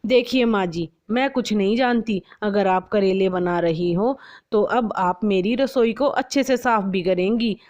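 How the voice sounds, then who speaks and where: A woman's voice: mid-range voice, measured pace, darkish tone, muffled recording, lightly acted. A woman voicing a young, bossy daughter-in-law who fusses over a spotless kitchen and scolds sharply. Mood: scolding.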